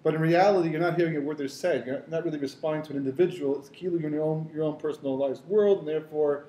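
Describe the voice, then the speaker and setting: Rabbi giving a conversational Torah lecture. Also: male voice, on the high side, fairly even intonation, quick pace, warm tone, reverberant, lo-fi sound. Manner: conversational, storytelling, many fillers and asides. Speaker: rabbi teaching the weekly Torah portion.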